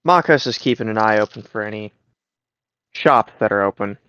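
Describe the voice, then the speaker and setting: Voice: medium pitch, moderate pace, a bit bright, clean tone, dry recording, lo-fi sound. A player describing their characters' moves in a tabletop game, rambling and hesitant, fighting yawns.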